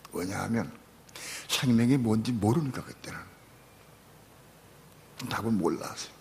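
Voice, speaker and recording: An older man, a pastor, preaching a sermon and telling a personal testimony, moving from quiet storytelling to loud, pleading prayer. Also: fairly low pitch.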